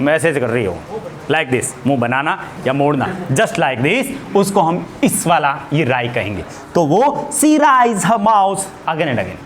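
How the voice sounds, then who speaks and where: A man with an Indian accent teaching spoken English in Hindi, explaining slowly and repeating words one by one. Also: fairly high pitch, slight background noise.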